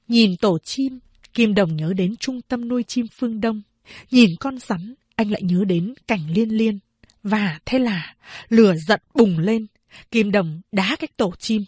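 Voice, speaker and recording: A woman reading a novel aloud as an audiobook narrator, in measured, unhurried storytelling. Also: medium pitch, a little mellow, husky, no room sound.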